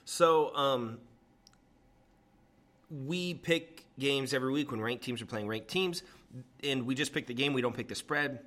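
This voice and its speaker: Bright-voiced man who says w for r. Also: mid-range voice, measured pace, long pauses. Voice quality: can't say his R's, pronounces r like w. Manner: amped up, teasing. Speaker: sports podcast host. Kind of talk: casual sports banter.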